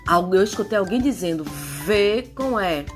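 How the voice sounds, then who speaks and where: A woman's voice: mid-range voice, faint music behind. A woman teacher leading a phonics lesson for young children, stretching out syllables and coaxing them to answer. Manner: slow, drawn-out syllables, animated coaxing.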